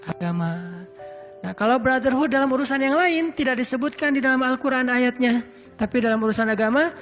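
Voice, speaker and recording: Casual male preacher, hall echo. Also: extremely high pitch. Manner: conversational, chatty asides, quotes Arabic verses slowly. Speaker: Islamic preacher. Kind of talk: casual sermon. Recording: hall reverb with faint music.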